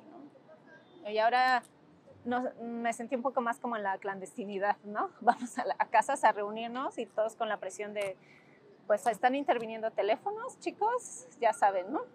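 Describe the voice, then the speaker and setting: This former student activist, a woman in her forties with a Mexican Spanish accent, sounds on the high side as she reminisces in a documentary interview. Emotional and reflective, she often tags questions onto the ends of her phrases, over a little hiss or hum.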